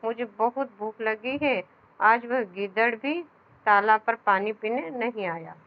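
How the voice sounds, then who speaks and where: एक महिला पढ़ती है भूखा मगरमच्छ. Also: female voice, fairly high pitch, a little slow. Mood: hungry. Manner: reads in a plain, explanatory voice. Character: hungry male crocodile, sly and pleading. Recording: dull lo-fi sound.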